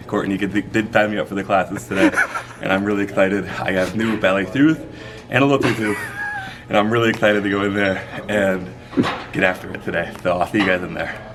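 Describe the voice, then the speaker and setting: A man putting on the voice of an eager gym bro with a lisp, excited about ballet class. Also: sits low, moderate pace, over music, close to an everyday voice. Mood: chirpy. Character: lisping mustached gym bro, chirpy and eager.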